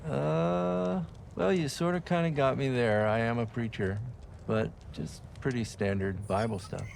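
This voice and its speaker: A soft-spoken preacher who leads a starving group,with a gravelly, creaky voice at a middling pitch. He talks in a calm, gently persuasive way, as in a TV drama. A faint hiss sits under the sound. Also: a little slow. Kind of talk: TV drama acting.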